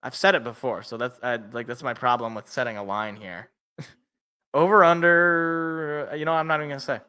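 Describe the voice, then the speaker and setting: Bright-voiced young man reacting to football. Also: medium pitch, fairly even intonation, normal speed, clean tone. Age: 20s. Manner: joking, self-deprecating, chatting with viewers. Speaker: sports podcast co-host. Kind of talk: live game reaction and play-by-play.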